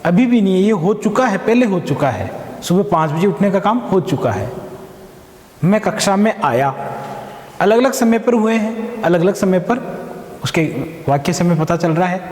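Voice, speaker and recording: A man teaching a Sanskrit grammar lesson in a slow, deliberate way, drawing out conjugations and sounding out syllables. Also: sits high, expressive, darkish tone. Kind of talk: classroom-style grammar lesson. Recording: echoey room with long reverb.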